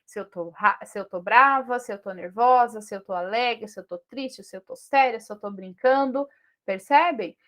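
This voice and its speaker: A woman teacher with a Brazilian accent giving a lesson on punctuation, checking in with listeners through frequent tag questions and reading example sentences slowly. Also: fairly high pitch, a bit bright. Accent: Brazilian Portuguese.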